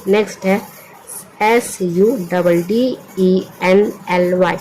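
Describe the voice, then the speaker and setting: A woman's voice: on the low side, fairly even intonation, takes it slowly, a little mellow, slight background noise, low-quality recording. A woman teaching English vocabulary. She spells each word letter by letter and asks what it makes before she says it. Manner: patient, repeats words and asks "what happened?" before giving the answer.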